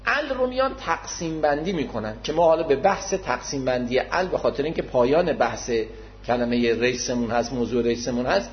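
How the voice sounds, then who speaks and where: A man's voice: mid-range voice, lively intonation, slight background noise. A man giving an explanatory religious lecture, speaking patiently and formally to his listeners, repeating key words to make his point. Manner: modest, addresses listeners formally. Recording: dull lo-fi recording.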